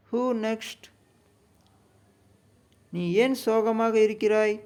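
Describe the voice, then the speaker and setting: A male teacher with a Tamil accent sounds out everyday English questions one at a time, each said twice. His voice sits high for a man and has a soft, mellow tone. The reading is very slow and deliberate, made for learners to repeat.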